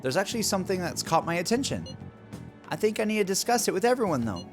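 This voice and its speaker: A man voicing a polite, gentle young woman as he reads her messages aloud. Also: high voice, big pitch swings, fast talker, music in the background, voice pushed up. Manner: polite, gentle, formal phrasing.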